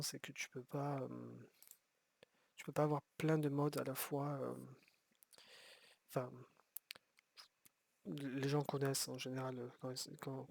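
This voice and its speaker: A gameplay streamer with a medium-pitched voice and vocal fry rambles casually while playing a city-building game. He often restarts his sentences and swears offhand.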